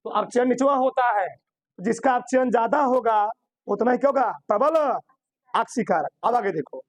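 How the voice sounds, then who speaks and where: Teaching a chemistry class in Hindi, this man has a very high-pitched voice and talks at normal speed, recorded with no room sound. He keeps throwing questions at his students, answers them himself, and repeats key terms for emphasis in this classroom lecture.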